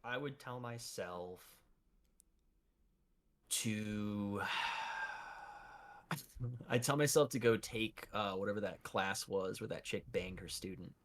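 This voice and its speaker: A man's voice: on the low side, slow pace, long pauses, a bit bright. A man co-hosting a podcast in casual chat, joking and swearing as he talks. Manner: profane, joking banter. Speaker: podcast co-host.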